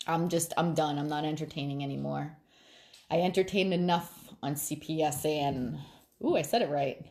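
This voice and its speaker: A middle-aged woman vlogging casually late at night, chatty and quick to laugh, then calm and reflective as she gives advice to her viewers. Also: sits low.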